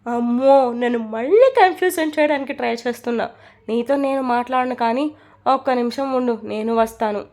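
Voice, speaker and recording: Woman playing a drowsy young guy, teasing, soft and low-key, mellow, storybook. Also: brisk, natural voice. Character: sleepy teasing young man, a roommate.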